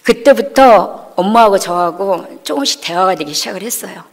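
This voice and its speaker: Middle-aged woman, mid-pitched voice, emotional testimony in a church hall with long reverb. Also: animated, moderate pace. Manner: emotional storytelling, acts out quoted dialogue. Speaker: church member giving testimony. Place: church sanctuary.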